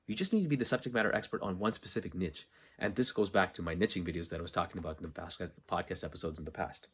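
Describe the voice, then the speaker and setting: A man's voice: lowish voice, slightly rough. A man hosting a solo podcast from an unfinished basement, talking earnestly and emphatically, asking questions and answering them himself. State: just after working out. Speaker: podcast host. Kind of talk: solo motivational podcast talk.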